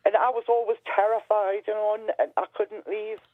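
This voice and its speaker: A woman speaks as a phone-in caller, recounting personal experience conversationally. Her delivery is hesitant and reflective at a medium pitch. The line is narrow, dry and telephone-like. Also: level tone, a little fast, dry recording. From Berkeley. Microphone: telephone call to radio show.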